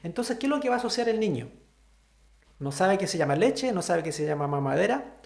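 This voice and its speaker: Sign language teacher on a video call, patient and explanatory, mid-pitched voice with a roomy echo. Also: very animated, fairly quick, creaky. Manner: patient, explanatory, often checks in with "¿cierto?". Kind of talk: online class explanation.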